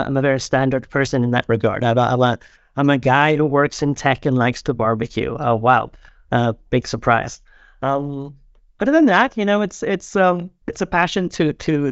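A man's voice: medium pitch, no echo, muffled recording. A man from Sweden, a podcast guest, talking casually and often repeating words as he restarts. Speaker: guest, company founder.

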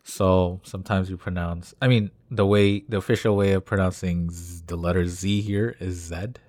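A man's voice: low voice, steady tone, normal speed, darkish tone, no room sound. A man from Canada co-hosting a casual chat, explaining his views at length with frequent fillers. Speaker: podcast co-host.

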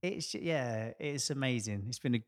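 A man's voice: medium pitch, normal speed. A man co-hosting a podcast, upbeat and given to banter. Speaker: podcast co-host. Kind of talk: casual podcast chat.

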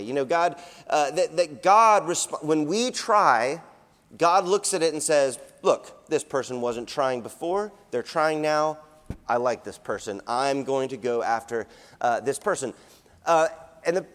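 A man's voice: fairly high pitch, fairly bright tone, big-room sound. A man in his thirties, a school chaplain giving a chapel sermon in a conversational way, with many fillers and restarts.

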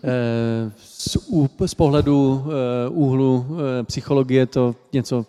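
A man's voice: medium pitch, fairly even intonation, a little slow, dark tone, smooth. A man interpreting a sermon live, hesitant, with frequent fillers and self-corrections. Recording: long reverb of a hall.

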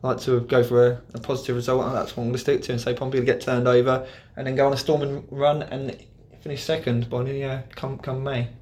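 A man's voice: medium pitch, level tone, fast, few pauses, darkish tone. Rambling, jokey man. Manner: rambling and jokey, full of hesitations. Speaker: podcast pundit. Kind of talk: casual football podcast chat.

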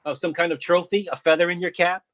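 In a readers theatre play reading, a man voices a blunt male college colleague who sides with students and probes and challenges in an accusing mood. His voice is high-pitched and a bit bright, with fairly even intonation and a quick pace. The delivery is challenging, colloquial, and probing.

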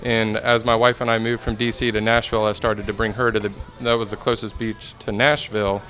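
Easygoing low-voiced man from Tennessee. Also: little pitch movement, brisk, fairly bright tone, faint music behind. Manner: easygoing, laid-back with fillers. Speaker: guest. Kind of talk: casual interview answers. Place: restaurant table.

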